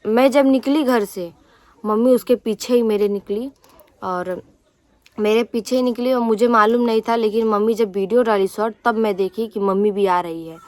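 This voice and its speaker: A woman's voice: on the high side, fairly even intonation, normal speed, a little mellow, dry recording. Aggrieved young woman rambling to viewers. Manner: aggrieved, rambling, many restarts and fillers. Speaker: vlogger. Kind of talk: casual vlog talk to viewers.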